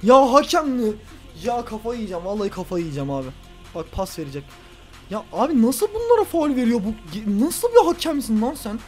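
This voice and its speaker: A man giving let's play commentary on a football video game, ranting at the referee and swinging between loud outbursts and low grumbling. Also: big pitch swings, brisk. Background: faint background music.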